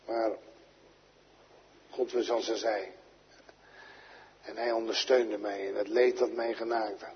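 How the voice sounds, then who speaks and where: A man's voice: medium pitch, husky. A Dutch-accented man preaching a sermon, earnest, his voice swelling when he quotes prayers. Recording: dull lo-fi recording in a reverberant church.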